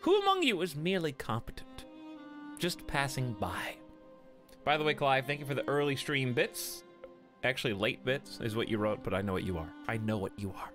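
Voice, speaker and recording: A sick man with a cold live-streams a game from his home setup, chatting with viewers through a desk mic, welcoming them and joking around. He speaks at a normal speed in a sing-song, mid-range voice that's a bit bright, with faint game music in the background.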